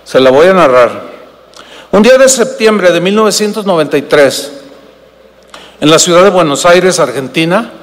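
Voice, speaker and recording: Older male pastor, Mexican accent, high-pitched and emphatic sermon voice, big hall reverb. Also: lively intonation, normal speed, pauses often. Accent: Mexican Spanish. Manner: emphatic, repeats phrases, addresses listeners as brothers. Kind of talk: sermon with storytelling. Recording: long reverb of a large hall.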